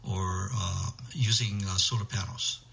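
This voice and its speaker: A man's voice: low voice, steady tone, unhurried, vocal fry, sharp tone. A man being interviewed on the radio, explaining things methodically and listing points in short phrases. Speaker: interview guest, amateur radio emergency organizer.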